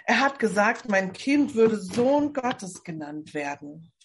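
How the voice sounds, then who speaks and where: A woman voicing young Maria, an overwhelmed pregnant girl who speaks in a hushed, unsure way, read from home. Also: mid-range voice, very animated, slow pace, slight background noise. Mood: wondering.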